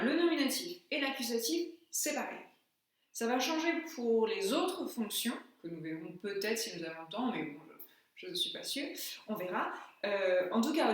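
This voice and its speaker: Slow patient woman teacher, echoey room. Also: a little high, far from the mic. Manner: slow and patient, spelling out examples step by step. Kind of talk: classroom lesson.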